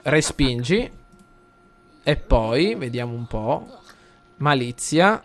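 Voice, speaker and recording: A man with an Italian accent commentating a life simulation game for his viewers, chatty, talking to the audience and getting loud and excited during the action. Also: medium pitch, takes it slowly. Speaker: gameplay commentator. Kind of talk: let's play commentary.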